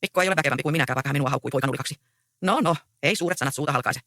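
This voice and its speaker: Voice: medium pitch, a bit bright, no echo, clean studio sound, voice pushed down, lightly acted. A reader voicing a proud, easygoing young peasant man in a stage play read aloud. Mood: reassuring.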